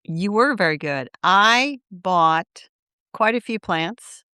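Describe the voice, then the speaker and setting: A woman's voice: on the low side, animated, takes it slowly, sharp tone, clean tone, no echo, clean studio sound. A woman from Indiana co-hosting a gardening podcast, talking in a friendly, casual way. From Indiana, USA. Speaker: podcast co-host. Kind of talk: casual chat.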